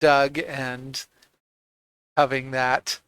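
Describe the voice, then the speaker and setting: A man narrating as game master of a tabletop roleplaying game, piecing scenes together haltingly as he goes. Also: mid-range voice, flat delivery, fairly bright tone.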